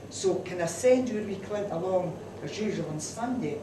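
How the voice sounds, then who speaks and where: A woman with a broad Scottish accent tells a comic story as a mother's letter, her pitch swinging up and down in a lively way. She sounds set back from the mic in a roomy community hall, with clear background noise around her. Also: moderate pace. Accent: Scottish, broad Scots. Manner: lively, chatty Scots dialect delivery. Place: community centre hall, live audience. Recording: distant, roomy live hall recording with noise.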